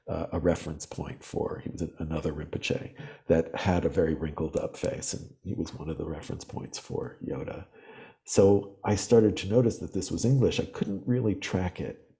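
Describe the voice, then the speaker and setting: A man in his sixties, a podcast guest, telling reflective, vivid stories at an unhurried pace with frequent pauses. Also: deep voice, warm tone. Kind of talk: storytelling interview.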